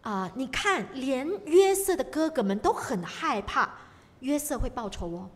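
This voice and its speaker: Woman preacher, sermon, high lively voice, emphatic rhetorical questions, long hall reverb. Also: unhurried.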